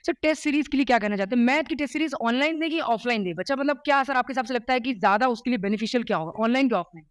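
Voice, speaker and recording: A man hosting an interview, asking rapid polite questions and constantly saying "sir". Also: very high voice, lively intonation, a bit bright, smooth, dry recording, studio quality.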